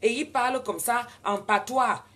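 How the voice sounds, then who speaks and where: A woman with a Cameroonian French accent telling a story in casual talk, animated and prone to loud indignant outbursts. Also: on the high side, measured pace. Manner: animated, switches into loud indignant retorts when quoting herself. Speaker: vlogger.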